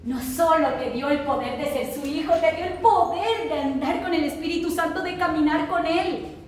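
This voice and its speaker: In a church hall, a woman with a very high voice preaches a call-and-response sermon, emphatically asking the congregation to repeat her words as they answer back. She speaks at a moderate pace from far off in a very echoey hall, with slight background noise.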